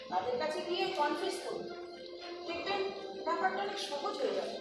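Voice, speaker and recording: A woman acting on stage as a firm female police officer who lectures and admonishes, slipping English phrases into her talk. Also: very high-pitched. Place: large hall stage. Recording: echoey hall, distant mic, music behind.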